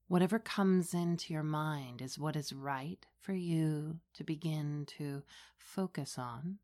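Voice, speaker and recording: Slow, low-voiced woman guiding meditation. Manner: soothing, unhurried, gentle delivery. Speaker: meditation guide and hypnotherapist. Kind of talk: guided meditation.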